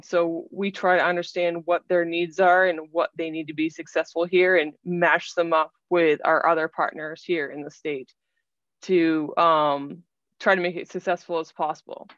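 A woman in her thirties giving an online webinar presentation from a small room, explaining things in a measured way with some fillers. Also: fairly low pitch, no echo. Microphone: laptop webcam video call. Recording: dull, dry video-call audio.

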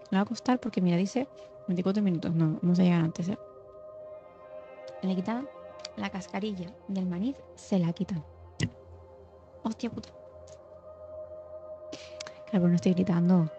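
Her voice is medium-pitched and creaky: a young woman streaming a game, chatting casually and muttering to herself. At times she lowers it to a joking ASMR hush, in a slightly dull recording with faint background music.

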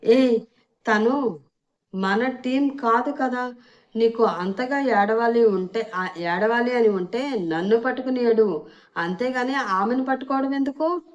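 A woman's voice: on the high side, slow pace. A brash, hot-headed young boss, read by a woman narrator. He scolds bluntly and snaps his lines, told as a spoken storybook. The sound is slightly dull. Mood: angry.

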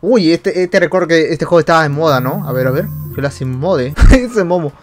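High-voiced guy rambling over gameplay. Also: moderate pace. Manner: excitable and rambling, laughs often. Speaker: YouTuber. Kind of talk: gameplay commentary. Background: game music.

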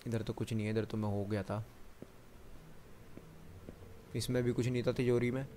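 A man's voice: on the low side, little pitch movement, fast, dark tone, a little hiss or hum. A man giving running commentary on a horror game, chatting to himself and the viewer and breaking into panicky bursts when the enemy shows up. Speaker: gamer.

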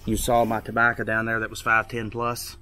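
Plainspoken Kentucky farmer in a barn. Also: male voice, lowish voice, completely flat delivery, fairly quick, pushed and bright, slight background noise. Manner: detailed, practical, plainspoken. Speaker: tobacco farmer giving a barn tour. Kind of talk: casual explanatory walkthrough. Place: outdoors in an open tobacco barn.

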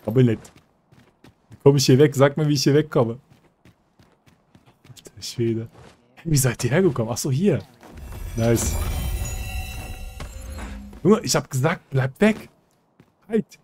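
Casting: Let's-Player, Mann, locker und verspielt, redet mit Spielfiguren. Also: male voice, mid-range voice, lively intonation, a little slow, long pauses, dark tone, faint music behind. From German-speaking country. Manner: chatty and joking, talks to game characters. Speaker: let's play host. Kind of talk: casual gameplay commentary.

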